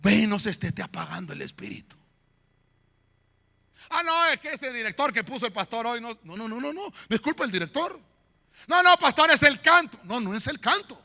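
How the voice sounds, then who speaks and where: A pastor preaching a sermon in a church, swinging between shouts and quiet murmurs. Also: male voice, very high-pitched, sing-song, a little fast, creaky. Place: church sanctuary. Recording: long church hall reverb.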